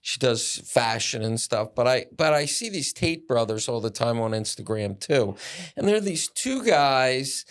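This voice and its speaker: A man's voice: medium pitch, expressive, a little slow. A man co-hosting a podcast in casual chat, opinionated and blunt with his questions. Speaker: podcast co-host.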